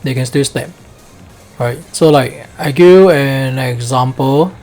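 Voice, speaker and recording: A man's voice: mid-range voice, measured pace, a little mellow, soft background music. A man with a Singlish accent, coaching a fighting game in a casual, colloquial way and often checking with "right?".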